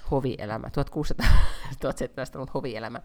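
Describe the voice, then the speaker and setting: A woman with an exceptionally deep, low voice chats casually as a podcast co-host. She rambles at length with lots of fillers and restarts, and she teases her co-host playfully. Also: a little mellow. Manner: chatty, many fillers, playful teasing. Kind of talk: casual chat. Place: Helsinki.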